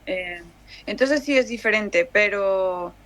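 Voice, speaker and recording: Brief: young woman, Mexican accent, relaxed chatty guest, restarts often. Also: medium pitch, slow pace. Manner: chatty, many fillers and restarts. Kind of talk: casual conversation.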